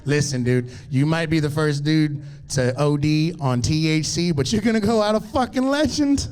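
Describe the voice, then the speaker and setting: A man's voice: on the high side, animated, normal speed, darkish tone, clean tone, close to an everyday voice. Laid-back male cat turned surfer dude, put on by a male comic, drawling, easygoing, bro talk. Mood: chill, reassuring. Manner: drawling surfer slang, calls everyone bro.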